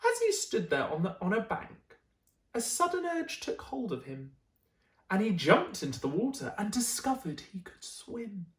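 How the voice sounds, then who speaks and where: Teacher-type woman, expressive bedtime storyteller, roomy echo. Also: medium pitch, normal speed. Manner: expressive, adds gentle asides.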